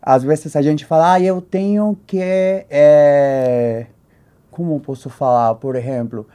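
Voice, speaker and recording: A speaker with a mellow, relaxed voice at an even, medium pitch in a casual podcast conversation. They reflect thoughtfully on respecting other people. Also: slow pace, clear, resonant tone. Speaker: podcast participant.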